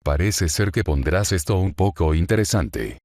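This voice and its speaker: A man's voice: low voice, animated, moderate pace, a little mellow, no echo, clean studio sound. A man voicing a cruel, taunting female fallen angel in a fan story reading, in a mocking, gloating manner.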